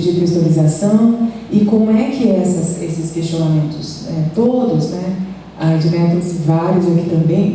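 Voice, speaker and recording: A Brazilian woman speaks on a university panel, her voice very dark and mellow. She reflects aloud with frequent pauses, restarts and tag questions. She is heard from a distance in a large amphitheater with a long, roomy reverb. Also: medium pitch. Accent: Brazilian Portuguese. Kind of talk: academic panel discussion. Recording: echoey hall, distant mic, faint noise.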